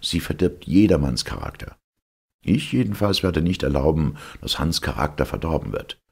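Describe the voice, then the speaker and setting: A man doing a pompous miller, husky and gravelly. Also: rumbling low, sing-song, moderate pace, a little mellow, exaggerated voice. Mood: preachy. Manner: preachy, self-satisfied. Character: pompous self-righteous male miller.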